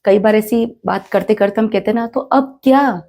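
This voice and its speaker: A woman with an Indian accent teaching a spoken English lesson, slowly repeating each phrase and quizzing the learners. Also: medium pitch, warm tone. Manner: slow, repeats each phrase, asks the class questions.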